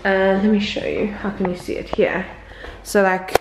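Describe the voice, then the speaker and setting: Here the same kind of upbeat vlogger, a woman in her twenties, talks to a handheld camera at arm's length while filming in empty rooms and a parked car. Her pitch is medium and her tone level at a normal speed, full of filler words. The sound is roomy with a noisy background.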